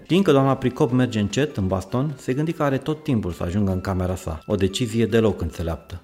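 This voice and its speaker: A man reading a children's story aloud in a lively, expressive way. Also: on the low side. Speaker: narrator. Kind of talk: storybook narration. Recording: faint background music.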